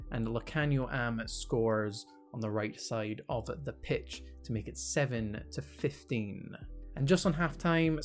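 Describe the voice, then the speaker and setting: A young man hosting his own channel, recapping a match in a voice-over and letting his voice fall off at the ends of his lines. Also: mid-range voice. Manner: brisk recap, trailing off at line ends. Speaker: rugby channel host. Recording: faint music behind.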